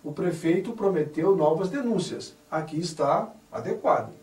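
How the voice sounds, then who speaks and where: A man's voice: sits high, moderate pace, a little mellow. A man teaching a Portuguese grammar lesson, reading example sentences and stressing each correct form with care. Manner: spells out words carefully, stressing correct forms. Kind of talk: slow, deliberate grammar lesson. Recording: echoey room, voice somewhat far from mic.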